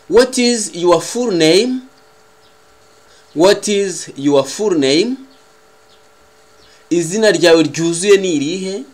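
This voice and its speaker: A Rwandan-accented man who speaks Kinyarwanda natively teaches a language lesson, repeating phrases with deliberate, careful enunciation. He's an English teacher, and his voice is on the high side.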